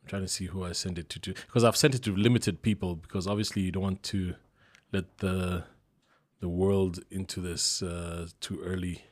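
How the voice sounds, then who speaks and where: Lower-voiced man from Zambia chatting. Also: moderate pace. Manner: relaxed storytelling, laughs often, many restarts. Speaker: voice-over artist, guest. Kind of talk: casual interview chat.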